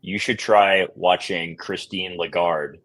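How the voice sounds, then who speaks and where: A man's voice: low voice, steady tone, slow, a bit bright, dry recording. A man co-hosting a markets show, talking loosely with hesitations, jokes and swearing. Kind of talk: casual market chat.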